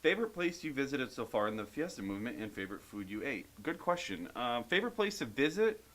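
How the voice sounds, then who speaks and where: A man's voice: mid-range voice, sing-song, fast talker, a bit bright. A man co-hosting a podcast, reading out viewer questions and answering them in a loose, casual chat that has plenty of swearing. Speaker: podcast co-host.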